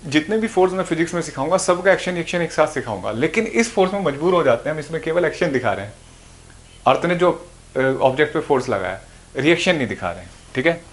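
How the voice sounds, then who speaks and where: In a classroom or a room with a board, a man with a fairly high, sing-song voice lectures students on physics, talking fast. He explains patiently and answers his own questions as he goes.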